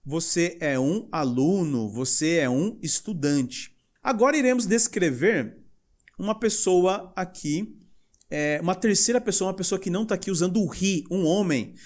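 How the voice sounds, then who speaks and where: In a recorded language lesson, a young male English teacher with a Brazilian Portuguese accent explains grammar in a lively way and reads example sentences slowly. His voice sits high.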